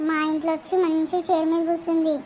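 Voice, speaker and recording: Woman voicing bossy cartoon sister-in-law, haughty, taunting, very high pitch. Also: completely flat delivery, quick pace, a little hiss or hum. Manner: taunting, haughty, sharp-tongued. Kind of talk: cartoon voice acting.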